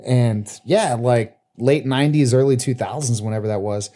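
Male co-host, mellow low timbre, rambling and profane, halting delivery. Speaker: podcast co-host. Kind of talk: casual chat.

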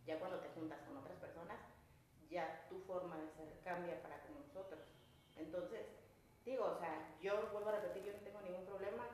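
A woman's voice: fairly low pitch, fairly even intonation, normal speed, a little mellow. Blunt, apologetic woman, echoey room. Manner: frank, blunt yet apologetic, detailed recounting. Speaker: employee. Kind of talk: explaining and apologizing in a staff meeting. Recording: echoey room, mic far off, faint noise.

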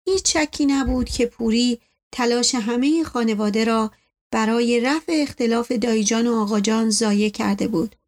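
A woman narrating a novel as an audiobook in a steady, measured way. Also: a little high.

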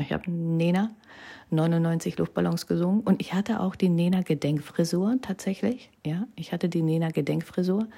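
In a low, creaky, husky yet mellow voice, a thirtysomething woman vlogs about her own life in a chatty way. Her sentences frequently end in a questioning "ne?", and now and then she lowers her voice to a whisper.

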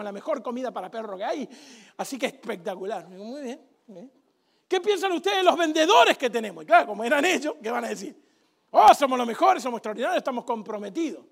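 A man delivers a sermon in a strikingly high voice with a rough, gravelly edge. He preaches with animated sarcasm and gets the congregation to repeat phrases back to him. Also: quick pace. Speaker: pastor.

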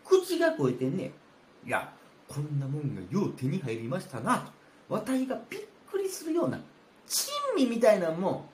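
Man as picky boastful guest, rakugo, Kansai accent, loud sneering drawl, faint room noise. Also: sits high, wildly swooping pitch, normal speed. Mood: scornful. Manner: scornful, drawling complaints. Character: snobbish boastful male guest, picky eater. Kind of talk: rakugo storytelling. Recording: roomy with faint ambience.

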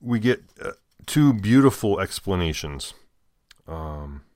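A deacon from the United States, deep-voiced, hosts scripture readings and adds informal, deliberately phrased commentary. His delivery is sing-song and a little mellow, and the dry recording has no echo.

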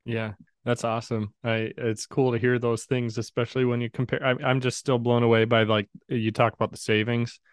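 Male interviewer, medium pitch, little melodic movement, casual chat, dry sound. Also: level tone, fairly quick, clear, resonant tone, dry recording.

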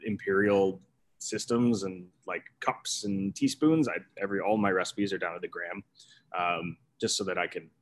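A man's voice: deep voice, moderate pace. A man, an executive chef, talking casually and rambling with many fillers and restarts. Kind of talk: casual conversational storytelling.

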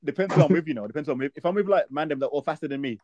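A man's voice: a little high, very fast, lo-fi sound, a crowd in the background. A man chatting casually as a host, in a slang-heavy, laddish London roadman accent, affirming what his friend says. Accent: British urban slang accent, London roadman style. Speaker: podcast host interviewing a friend. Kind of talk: casual chat.

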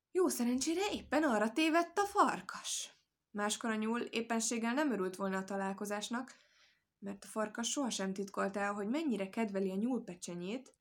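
Woman calmly reading a folk tale. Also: medium pitch. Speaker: storyteller.

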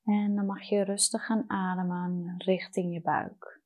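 A woman guiding a meditation in a soft, soothing, unhurried manner with long pauses. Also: medium pitch, flat delivery. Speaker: meditation guide. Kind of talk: guided meditation.

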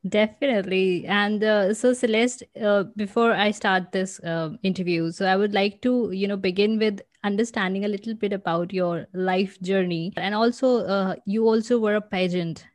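A woman's voice: mid-range voice, steady tone, moderate pace, few pauses, no echo. A woman hosting a podcast, reading an upbeat scripted intro and then chatting with her guest. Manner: upbeat and promotional, with "uh" fillers when unscripted. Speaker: podcast host.

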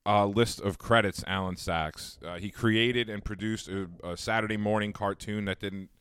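A man's voice: fairly low pitch, fairly even intonation, moderate pace, fairly bright tone, smooth, no room sound, studio quality. A man co-hosting a podcast, chatting casually and laughing often. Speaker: podcast co-host. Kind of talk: casual chat.

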